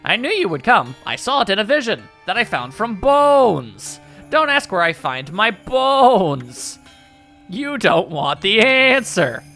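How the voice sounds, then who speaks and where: A man's voice: high-pitched, big pitch swings, slow, pushed and bright, soft background music, heavily acted. A man voicing an eccentric, bone-obsessed woman fortune teller from a video game, delivering dramatic, mystical prophecies. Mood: mystical, deadpan. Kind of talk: comic read-aloud of video game dialogue.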